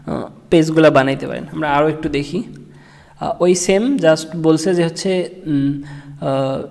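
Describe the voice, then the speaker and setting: Casual tutorial instructor, male, somewhat high voice, hesitant delivery full of fillers, echoing room. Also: dark tone. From Bangladesh. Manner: halting, many fillers and restarts. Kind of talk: casual screen-share tutorial. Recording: long reverb room.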